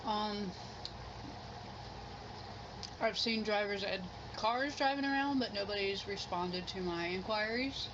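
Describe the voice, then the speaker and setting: In this muffled eating-vlog clip with noticeable background noise, a middle-aged mukbang vlogger chats loosely as she eats. She sounds uncertain of herself, speaking at a moderate pace in a medium pitch.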